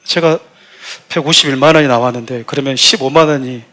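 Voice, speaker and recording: A man's voice: medium pitch, brisk. A middle-aged man, the senior pastor of the church, preaching a sermon full of funny stories and acting out quotes with raised voice. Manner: animated storytelling, acts out shouted quotes. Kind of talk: sermon with humorous anecdotes.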